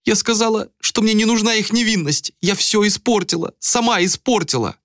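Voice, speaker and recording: A frantic, desperate young woman, as a male narrator puts her on pleads in a high, swooping voice. The audiobook sound is close and dry. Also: sing-song, normal speed, a bit bright, husky, dry recording, exaggerated voice.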